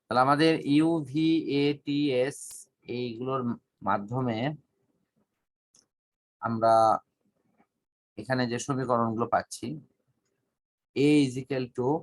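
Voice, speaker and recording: Unhurried male physics teacher. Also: medium pitch, fairly even intonation. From Bangladesh. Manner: measured, halting delivery with long pauses, mixing in English terms. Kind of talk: online whiteboard lesson.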